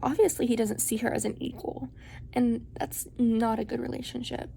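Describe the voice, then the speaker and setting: A woman's voice: on the high side, flat delivery, normal speed, creaky, dark tone, a little hiss or hum. A woman giving casual, opinionated, rambling vlog talk about her reading, her speech slightly muffled by the retainer she is wearing. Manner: opinionated, informal, trailing asides. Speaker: book vlogger.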